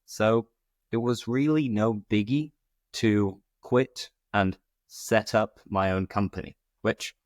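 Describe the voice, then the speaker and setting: A British man hosting a conversational solo podcast, explaining things informally in clear phrases like a teacher. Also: fairly low pitch, slow pace, dry recording, studio quality. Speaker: podcast host and English teacher.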